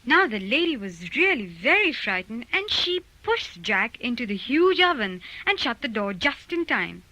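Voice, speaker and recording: A woman narrating a children's storybook recording with lively, expressive storytelling. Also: fairly high pitch, moderate pace, rough recording.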